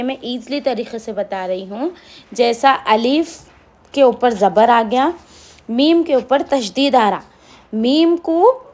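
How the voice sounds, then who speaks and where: A woman teaching Quran reading, patiently spelling out letters and vowel marks one by one. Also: sits high. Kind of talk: slow step-by-step tajweed lesson.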